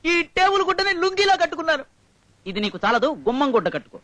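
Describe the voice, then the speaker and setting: A cheeky young bachelor with a high, bright voice. He talks quickly and glibly, and the sound is dry and close. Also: very animated, dry recording, exaggerated voice. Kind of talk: 1980s Telugu film acting.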